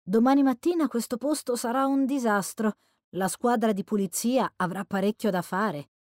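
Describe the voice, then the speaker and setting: A woman's voice: fairly high pitch, normal speed, a little mellow, no room sound, clean studio sound, natural voice. A woman voicing a self-assured, friendly young male college student in an audiobook reading, talking chattily. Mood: friendly confident.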